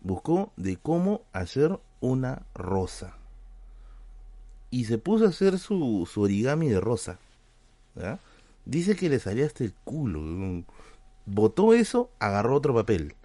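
A man's voice: medium pitch, unhurried, no room sound. A man with a Peruvian accent hosting a livestream, telling a casual, slangy anecdote to his chat and often checking in with "¿ya?" and "¿no?". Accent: Peruvian Spanish. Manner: animated, slangy anecdote with frequent "¿ya?" and "¿no?" check-ins. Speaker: livestream host. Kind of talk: casual storytelling to a stream chat.

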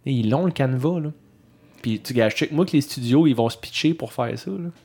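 A podcast co-host with a Quebec French accent chats casually, teasing his partner and rattling off game titles fast. His mid-range voice has a darkish tone and a breathy edge.

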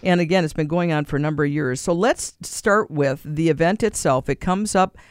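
A man's voice: fairly high pitch, fairly quick, clean tone, no room sound, studio quality. A man hosting a local radio interview, chatty and agreeable, checking details with his guest. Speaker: radio show host.

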